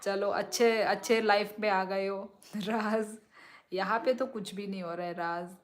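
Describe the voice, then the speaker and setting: A young woman from Tripura chatting casually on a phone live stream at home at night, reading viewers' comments and talking softly so she won't disturb the neighbours. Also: fairly even intonation, measured pace. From Tripura, India. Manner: chatty, sways while talking, lowers voice to keep it down. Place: small room at home at night. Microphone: phone held or propped close.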